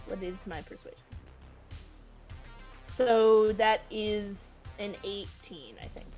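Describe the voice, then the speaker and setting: A woman's voice: mid-range voice, slow, a little mellow, soft background music. A woman playing in a tabletop game, chatty and giggly, working out her dice rolls aloud. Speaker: player. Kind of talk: casual chat.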